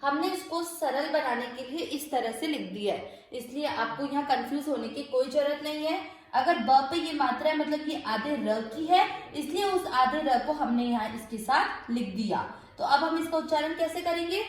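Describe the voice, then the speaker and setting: A woman's voice: high-pitched, expressive, normal speed. A woman teaching Sanskrit verse pronunciation step by step, patiently repeating syllables and asking rhetorical questions. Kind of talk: step-by-step recitation lesson. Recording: very echoey room.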